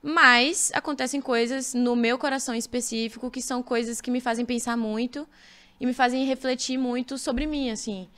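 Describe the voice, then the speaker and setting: A young woman from Brazil, a singer, chatting as a guest in a relaxed podcast interview, animated and full of fillers. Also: on the high side, moderate pace, smooth. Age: young adult. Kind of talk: casual interview chat.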